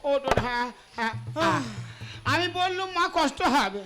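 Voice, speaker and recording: A man playing an old, hot-tempered village father in a folk stage comedy, fussing over his daughter and yelling threats. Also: very high-pitched, lively intonation, normal speed, noisy background. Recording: live stage mic under loud music.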